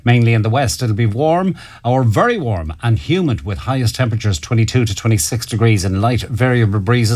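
A man's voice: mid-range voice, expressive, a little fast, a little mellow. A man with an Irish accent reading a scripted radio weather forecast.

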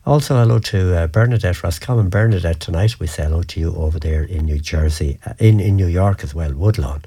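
A man with a west of Ireland accent hosting a radio show, reading out listeners' messages in a folksy, unhurried, appreciative way. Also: low voice, mellow, slightly rough.

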